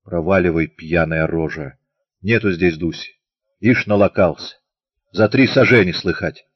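A man's voice: deep voice, a little slow, husky, dry recording, dull audio. A man voicing a stern but kindly peasant mother who scolds in a homely way. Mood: scolding.

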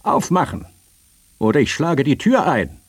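A man's voice: fairly low pitch, expressive, moderate pace, breathy edge, no echo. A man doing a guttural, barking army sergeant. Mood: commanding. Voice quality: guttural, forceful. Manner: barking demands. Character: loud German army sergeant, gruff, hungry.

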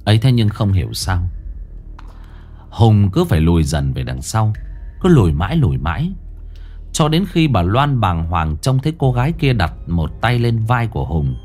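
A man's voice: fairly low pitch, sing-song, moderate pace, a little mellow, soft background music. A man narrating a ghost story with dramatic, swinging delivery.

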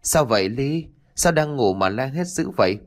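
A man's voice: mid-range voice, animated, normal speed, pitched above the performer's own voice, lightly acted. A man voicing a worried, tender village mother who comforts her daughter. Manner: comforting, gently warning.

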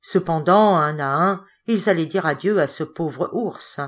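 Woman, audiobook narrator, fairly low voice, measured expressive reading. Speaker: audiobook reader.

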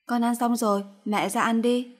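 A woman voicing a hurt young wife, soft and sad, in a storybook reading. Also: fairly high pitch, steady tone, moderate pace, pitched above the performer's own voice, lightly acted.

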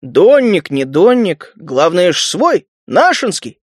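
A man's voice: sits high, very animated, slow, slightly rough, no echo, heavily acted. Male reader doing a sly sweet-toothed mutant, cheeky mumble, dry studio voice.

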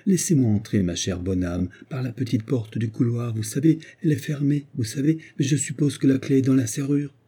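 A man voicing an agitated, tipsy, timid male doctor who pleads in a hushed, fretful way. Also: lowish voice, normal speed, breathy edge. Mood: pleading.

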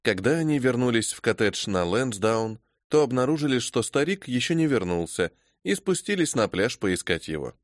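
A man narrating an audiobook in a measured, even reading. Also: mid-range voice, no echo, studio quality. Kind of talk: scripted narration.

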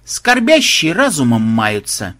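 A man's voice: mid-range voice, huge pitch swings, a little slow, sharp tone, full character voice. A man voicing an obliging male temple guide with a folksy, reassuring manner.

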